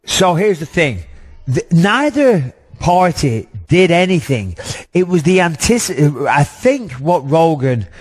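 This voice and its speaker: A man's voice: on the high side, very animated, takes it slowly, faint music behind. A man in his thirties, a former fighter co-hosting a podcast, talking bluntly and emphatically in casual chat and swearing now and then.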